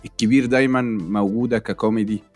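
A man's voice: mid-range voice, fairly even intonation, rapid-fire, faint music behind. A man with an Egyptian Arabic accent, chatting casually as a podcast co-host and mixing in English phrases. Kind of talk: casual chat between friends.

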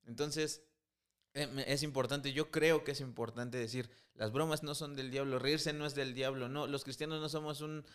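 A man's voice: mid-range voice, steady tone, normal speed, a bit bright, smooth. A man co-hosting a casual podcast, speaking earnestly straight to his listeners. He addresses them as brothers and stops and restarts his phrases as he thinks. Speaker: podcast co-host.

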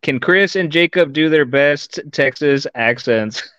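A male podcast host with a smooth, clean voice keeps things relaxed and easygoing with his guests. His recording sounds dry and close, with a slightly dull, muffled top end. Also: fairly high pitch, unhurried, dry recording. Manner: laid-back, friendly "man" and "dude". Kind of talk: casual interview chat.

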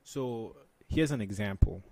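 A man's voice: on the low side, measured pace, darkish tone, no room sound. A man speaking as an interview guest, explaining things conversationally like a meditation teacher.

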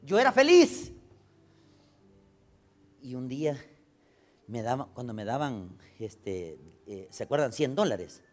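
A male pastor preaching a storytelling sermon, swinging from loud exclamations to low asides. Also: a little slow.

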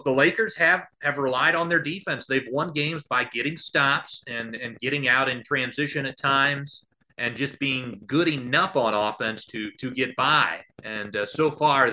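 In a rough recording, a man with a medium-pitched, sharp-toned voice calls live basketball as a radio play-by-play announcer. His running present-tense call comes in short phrases, with analysis added.

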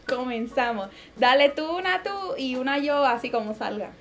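Young woman podcast co-host, very high bright voice, casual Spanish with English slang. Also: animated, moderate pace, faint music behind. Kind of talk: casual chat.

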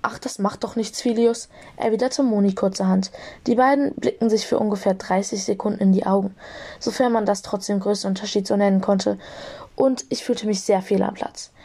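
A young woman narrating a fan audiobook in a lively storytelling manner. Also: medium pitch, brisk.

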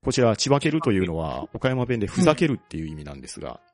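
A man co-hosting a podcast, explaining a topic calmly and methodically. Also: lowish voice, rapid-fire, soft background music. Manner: explains at length, calm and methodical. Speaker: podcast co-host presenting a local hero. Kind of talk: casual chat.

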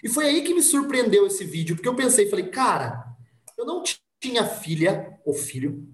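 A man from Brazil telling a personal story in casual conversation, with lively delivery and voices acted out for the people in it. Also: high voice, moderate pace, reverberant. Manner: animated, acts out voices in anecdotes. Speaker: podcast guest.

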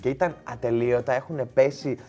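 A man telling a long funny story in casual chat, animated and quick to laugh. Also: medium pitch.

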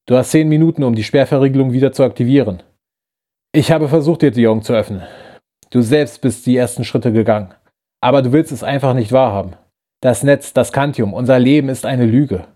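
A man's voice: mid-range voice, warm tone, close to an everyday voice. A man voicing a bitter rebel who betrayed his old friend, talking in an urgent, reproachful way in a science-fiction audiobook. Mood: hurried. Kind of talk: audiobook character voice.

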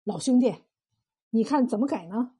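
Woman doing an earnest old sage, polite questions, mellow husky sound. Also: on the high side, expressive, normal speed. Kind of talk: storytelling role voice.

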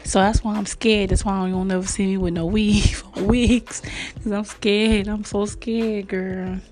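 A woman hosts her podcast in a loose, chatty way, teasing and laughing as she goes. Her voice sits at a middle pitch, with soft music faintly under her. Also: little pitch movement, unhurried. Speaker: podcast host. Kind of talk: casual motivational chat.

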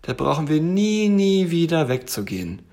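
A man voicing a small, eager, excitable male tiger in a bedtime storybook reading, gushing with wide-eyed delight. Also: a little high, moderate pace, vocal fry, pitched above the performer's own voice.

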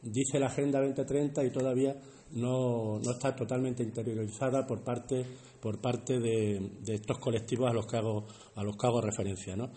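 Mellow man with a Spain Spanish accent. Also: medium pitch, flat delivery, normal speed. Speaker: event host. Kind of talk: semi-improvised public welcome speech. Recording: faint background noise.

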